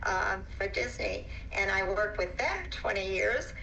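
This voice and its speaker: A woman's voice: medium pitch, unhurried, gravelly, bright, forceful tone, a little hiss or hum, low-quality recording. An older woman, a great-grandmother, chatting cheerfully on a video call. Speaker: retired guest.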